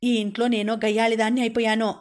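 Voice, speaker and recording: A woman reading the part of a domineering older mother-in-law who scolds and shouts at her daughter-in-law. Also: a little high, little pitch movement, quick pace, close to an everyday voice. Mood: shouting.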